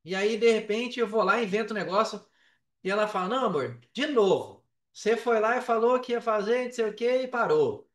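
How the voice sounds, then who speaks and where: This Brazilian man, an affiliate marketer appearing as a podcast guest, shares casual personal stories in an interview with a Brazilian Portuguese accent. His higher-pitched voice is brisk and a bit bright. He sits distant from the mic in an echoey room.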